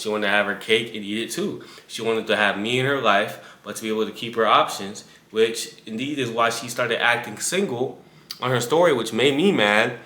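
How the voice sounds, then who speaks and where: Slangy young man, bright echoey voice. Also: medium pitch. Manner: slangy, talks straight to the viewer. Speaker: fitness creator. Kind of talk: casual advice vlog. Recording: echoey room.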